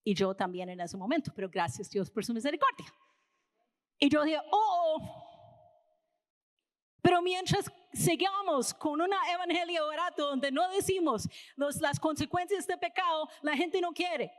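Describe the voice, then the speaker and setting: High-voiced American woman preaching in Spanish. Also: lively intonation, moderate pace. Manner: casual storytelling, tags lines with "¿verdad?". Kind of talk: conversational sermon. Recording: reverberant hall.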